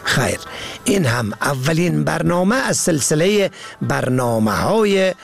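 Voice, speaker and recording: A man presents a scripted spelling lesson, slowly and carefully spelling words out letter by letter. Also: on the high side, sing-song, gravelly, loud music behind the voice. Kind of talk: scripted educational narration.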